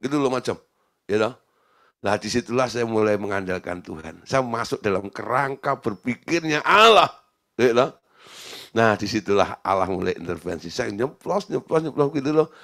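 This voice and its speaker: A man's voice: medium pitch, moderate pace. A man, a pastor telling a story in a sermon, chuckling often and leaning on casual fillers. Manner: animated, chuckling storyteller, "gitu loh" filler.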